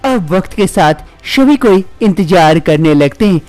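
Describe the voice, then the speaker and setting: A man narrates a cartoon story in a high voice, keeping his delivery plain and even. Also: unhurried, soft background music.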